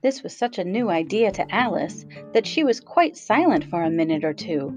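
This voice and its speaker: A woman narrating a children's story aloud in an expressive, storytelling way. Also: mid-range voice, moderate pace, faint music behind, rough recording.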